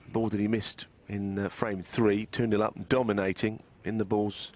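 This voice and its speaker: Low, hushed male snooker co-commentator. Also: flat delivery, moderate pace. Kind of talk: hushed live sports commentary.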